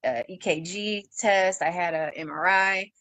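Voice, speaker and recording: A young woman in her twenties telling her story in an interview, halting, with fillers and restarts, and acting out what others said in a raised voice. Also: fairly low pitch, fairly bright tone, dry recording. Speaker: guest sharing her story.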